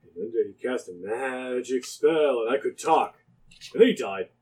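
A man's voice: mid-range voice, animated, normal speed, darkish tone, far from the mic, lightly acted, rough recording. A man voicing a big, doofy and very polite male moose in a tabletop game, telling a rambling story in a friendly way.

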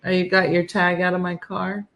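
A woman hosting a casual livestream, chatting with viewers in a listless, low-energy, dry deadpan way. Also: normal speed. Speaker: host of a morning livestream show.

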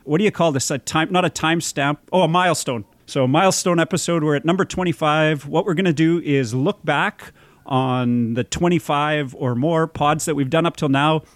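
Slightly high-voiced man hosting a podcast. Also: normal speed, dry recording. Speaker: podcast host. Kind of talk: casual podcast chat.

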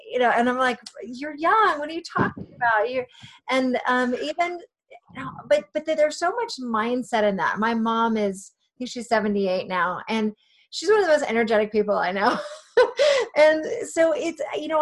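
A woman hosts a podcast interview, asking questions and chatting in an animated way. She laughs easily. Her voice sits a little high. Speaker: podcast host.

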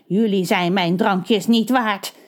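A woman voicing a grumpy, shrill old witch who has failed at her spells, in a storybook tale. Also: steady tone, slow pace, close to an everyday voice. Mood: grumbling. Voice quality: shrill, screeching.

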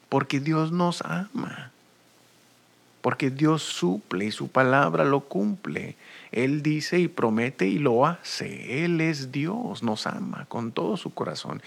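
A man preaching a bilingual sermon as a pastor, talking slowly and deliberately, moving between two languages and repeating each point. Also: a little high, vocal fry. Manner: switches between Spanish and English, repeating points; slow, deliberate preaching with restarts. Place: United States.

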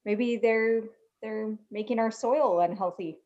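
Female panel therapist, conversational, mid pitch, slightly dull audio. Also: takes it slowly, a little mellow. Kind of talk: casual discussion.

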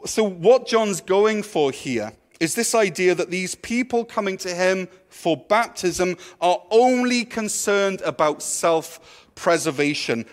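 A man's voice: high-pitched, a bit bright. A man, preaching a sermon to his church in a conversational, playful way. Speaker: pastor.

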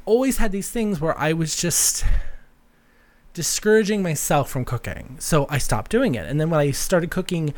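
A man's voice: on the high side, animated, moderate pace. A man hosting a solo podcast in a casual, rambling, chatty way with a campy touch. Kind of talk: casual, rambling personal chat.

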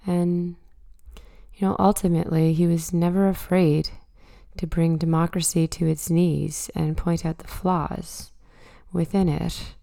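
Lady host, hoarse raspy voice from a cold, kinda low, lots of ums. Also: flat delivery, a little slow, mellow. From Canada. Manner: thoughtful, many fillers. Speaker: podcast host. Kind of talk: casual spoken monologue.

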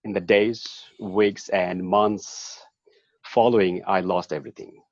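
A man from Bangladesh introducing himself on a panel in a measured, deliberate way. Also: deep voice, steady tone, a little mellow, no room sound. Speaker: panelist, activist. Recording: dull lo-fi sound.

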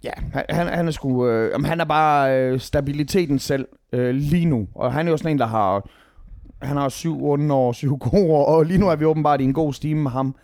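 A man in casual podcast chat about football, animated and swearing often when heated. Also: fairly high pitch, no room sound. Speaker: podcast co-host, football fan.

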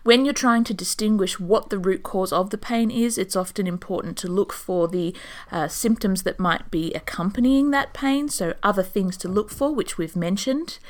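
Breathless nurse explaining calmly. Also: female voice, mid-range voice, normal speed. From Australia. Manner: calm, explanatory, advising listeners step by step. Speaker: stomal therapy nurse and podcast host. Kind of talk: informational podcast monologue. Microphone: studio podcast microphone.

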